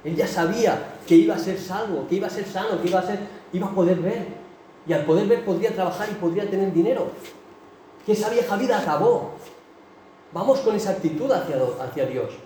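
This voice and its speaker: A man's voice: high voice, a little fast, mellow, slight background noise. A man preaching a sermon with impassioned, emphatic delivery. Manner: impassioned, rising to emphatic bursts. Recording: echoey hall, mic from a distance.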